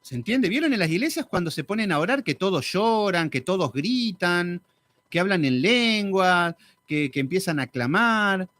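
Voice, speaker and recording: A man teaching a live Bible study in an animated, sarcastic, conversational way. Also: sits high, moderate pace.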